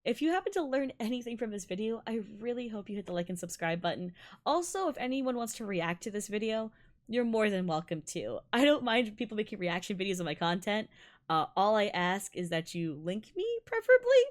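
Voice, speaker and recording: Talking a little fast at a medium pitch, this young woman, a violinist who grew up with Malayalam and Tamil as first languages, excitedly explains music in a casual way, laughing a lot. There's faint music playing behind her.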